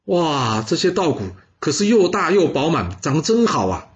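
A man's voice: a little high, sing-song, moderate pace, highs cut off, voice pushed up. A man voicing a gullible, self-assured king in a storytelling recording, talking in a leisurely, indulgent way. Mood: self-satisfied.

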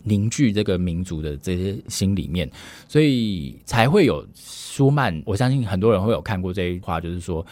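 A man, a music scholar explaining in a measured, lecturing way with frequent fillers. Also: low voice, darkish tone. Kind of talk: explanatory podcast conversation.

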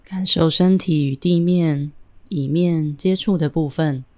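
Woman, deep-toned voice, very slow delivery, soothing, gentle, guided relaxation narration. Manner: calm, gentle, soothing, with deliberate pauses. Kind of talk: guided breathing and body-relaxation meditation narration.

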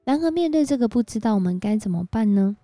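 A woman giving a devotional sermon, telling a story in a lively way with frequent exclamations. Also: fairly high pitch, quick pace, dry recording, clean studio sound. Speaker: church speaker. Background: faint background music.

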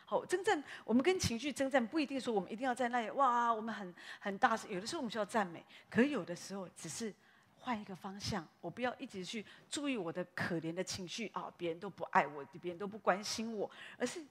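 A woman pastor, preaching a sermon in a lively, conversational way that is full of little tag words. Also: medium pitch, quick pace, breathy edge, in a large hall. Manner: animated, conversational preaching with frequent "哈" tags.

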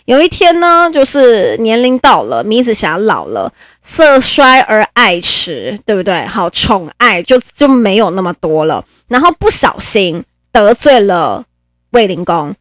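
Animated woman. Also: medium pitch, measured pace, no room sound, clean studio sound. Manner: animated, chatty, laughs often. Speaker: podcast host. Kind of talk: casual storytelling podcast.

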